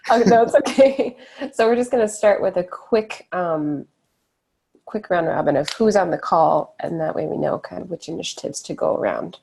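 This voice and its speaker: A woman with a congested, nasal voice leading a casual video call meeting in a friendly, brisk and joking way. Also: on the low side, vocal fry, darkish tone, breathy edge. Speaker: meeting facilitator.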